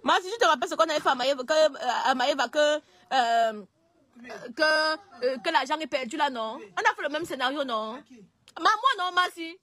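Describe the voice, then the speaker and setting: Woman streamer, high-pitched, hesitant casual live talk. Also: expressive, moderate pace, sharp tone. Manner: hesitant, restarts and pleads.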